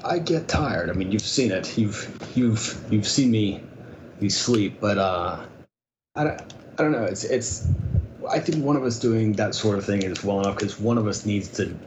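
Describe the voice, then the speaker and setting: A man chatting casually as a podcast co-host in a halting, dry, bantering way, sounding as if he is inside a car wash. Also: lowish voice. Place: echoey room with whirring background noise. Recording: roomy, dull, noisy whirring like a car wash.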